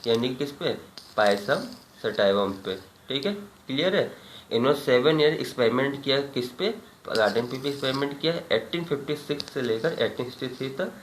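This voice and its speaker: A man's voice: medium pitch, expressive, normal speed. A male biology teacher gives a classroom lecture. He asks a question, answers it himself, and keeps checking in with his listeners. The sound is echoey, with a light hum in the background. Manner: repeats key points as questions, frequent "ठीक है" check-ins.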